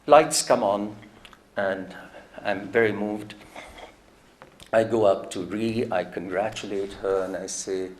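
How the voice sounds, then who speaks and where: A man's voice: fairly low pitch, fairly even intonation, slow pace, pauses often, a little hiss or hum. A man giving a public lecture, telling a story in a reflective, anecdotal way and quoting others in his own voice.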